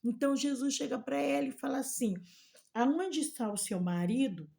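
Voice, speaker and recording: A woman's voice: high voice, moderate pace, gravelly, mellow. A woman missionary gives a sermon, retelling a Bible story and its dialogue in plain, fervent speech, often tagging lines with a questioning "né?" and praise to God. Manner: retells scripture dialogue in plain speech, often adding "né?" and "louvado seja Deus"; fervent, openly amazed. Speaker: missionary preacher.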